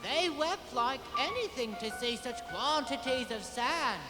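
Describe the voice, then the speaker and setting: A woman playing a stubborn, childish storybook twin in a deliberate, singsong theatrical style. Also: sits high, animated. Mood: reciting. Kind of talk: theatrical fantasy drama acting. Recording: echoey hall with music behind.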